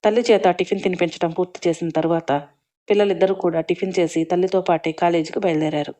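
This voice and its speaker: A woman narrating a serialized family story in a steady, emotive reading. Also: lowish voice, fast talker.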